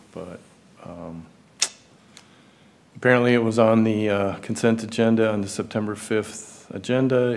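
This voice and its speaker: A man's voice: on the low side, darkish tone, a little hiss or hum. A man acting as treasurer, giving a matter-of-fact report at a board meeting. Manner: matter-of-fact, reading figures.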